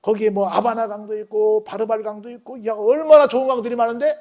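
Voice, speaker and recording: A man's voice: high-pitched, fairly even intonation, fast, darkish tone, close to an everyday voice. A man voicing a proud, angry foreign army commander who grumbles indignantly.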